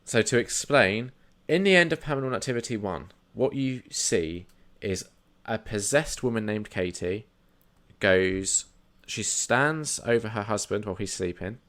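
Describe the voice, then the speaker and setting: A man with a fairly low voice, relaxed on a casual film podcast. He nods along with frequent yeahs. When it's his turn he lays out the story step by step. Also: measured pace. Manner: easygoing, lots of agreeing yeahs, explains plot step by step. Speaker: podcast co-host.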